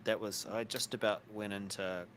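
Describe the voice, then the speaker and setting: Low-voiced joking man co-host. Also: level tone, normal speed, fairly bright tone, slight background noise. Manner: jokey, laughs easily, thinks aloud with fillers. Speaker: podcast co-host. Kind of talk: casual live chat.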